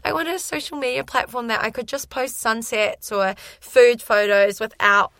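A woman's voice: fairly high pitch, normal speed, fairly bright tone, no echo, studio quality. A young woman speaking candidly and chattily as a guest in a casual interview. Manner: candid, talkative. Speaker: fitness influencer, interview guest.

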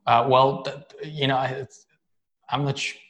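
Bright-voiced man speaking halting English. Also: medium pitch, little pitch movement, muffled recording. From born in Lithuania, raised in Israel. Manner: halting, searching for words. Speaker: interview guest. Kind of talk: casual interview conversation.

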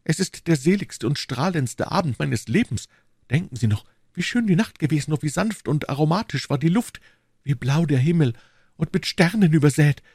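A man's voice: fairly high pitch, darkish tone, husky, no echo, clean studio sound. A man reading an audiobook, voicing a passionate, lovesick duke with fervent, swelling declarations. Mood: impassioned. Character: passionate lovesick English duke, ardent and insistent. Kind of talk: audiobook reading of a classic novel.

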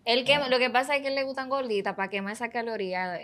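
A woman's voice: on the high side, fast, fairly bright tone. A woman co-hosting a casual chat, tossing in cheeky asides.

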